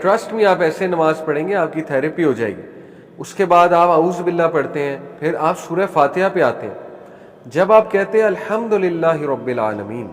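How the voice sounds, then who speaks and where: A man with a fairly high voice gives an earnest religious talk. He recites Arabic prayer phrases and explains them calmly, slipping English phrases into his speech. His voice rings with a long, hall-like reverb. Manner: calm, earnest, mixes English phrases into Urdu. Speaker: Islamic speaker.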